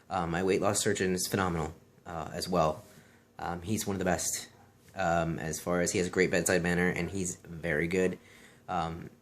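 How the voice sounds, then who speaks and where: A man talking casually and earnestly in a personal vlog, repeating himself and often saying "you know". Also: low voice.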